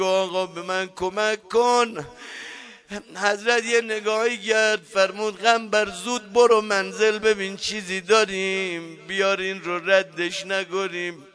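High, bright-voiced man chanting a mourning recitation. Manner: alternates chanting with spoken storytelling, addresses listeners directly.

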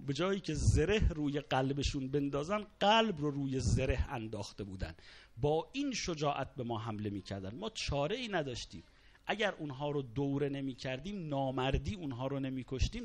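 A man preaching a sermon, recounting a martyrdom story with dramatic storytelling and quoted Arabic lines. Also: a little high. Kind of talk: sermon narrating a martyrdom account.

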